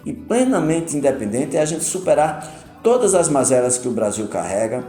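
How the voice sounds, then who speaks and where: A man with a Pernambuco Brazilian accent giving a deliberate, emphatic interview statement as a union leader. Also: fairly high pitch, very animated, mellow, echoey room, soft background music. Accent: Pernambuco Brazilian Portuguese.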